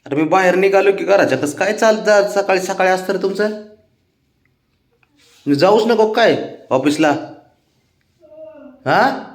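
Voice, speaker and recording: A man's voice: sits high, expressive, measured pace, long pauses. A young man, coaxing and sweet-talking his pets in affectionate baby talk. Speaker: pet owner talking to his cats. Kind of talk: casual pet vlog, coaxing baby talk.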